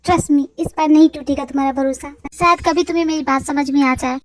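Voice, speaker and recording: A woman voicing a middle-aged aunt who gently persuades and reassures. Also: high voice, fairly even intonation, a little fast, over music, natural voice. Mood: coaxing. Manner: persuasive, soothing. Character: coaxing middle-aged aunt, mother's friend.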